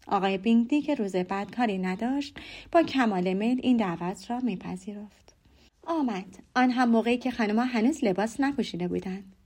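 A woman narrating a classic novel as an audiobook in a calm, measured storytelling manner. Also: mid-range voice. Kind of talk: scripted narration.

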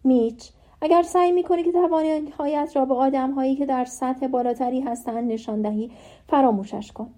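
A woman voicing a gentle, wise, dying elderly male professor in an audiobook reading, giving calm, earnest advice. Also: high voice, close to an everyday voice.

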